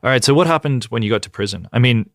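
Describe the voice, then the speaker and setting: A man's voice: medium pitch, animated, quick pace, fairly bright tone, dry recording. Easygoing male host, dry close sound. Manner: easygoing, prompting, hesitant with ums. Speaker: podcast host. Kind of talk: interview questions.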